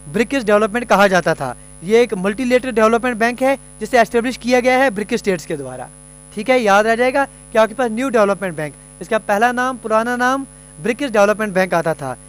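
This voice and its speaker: High-voiced man teaching an exam lesson. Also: lively intonation, clean tone. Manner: explains then repeats each point, reads English lines slowly. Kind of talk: lecture.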